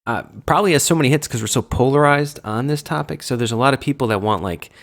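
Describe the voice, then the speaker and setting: A man's voice: mid-range voice, fast talker, a bit bright. A man with a cold hosting a casual gaming chat, rambling and poking fun at himself as he loses his train of thought. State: sick with a cold. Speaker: gaming show host.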